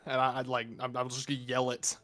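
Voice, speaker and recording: A man's voice: medium pitch, monotone, fast talker, pushed and bright, soft background music. A man playing a tabletop game, speaking hesitantly and laughing easily. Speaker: player. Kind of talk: casual tabletop game play.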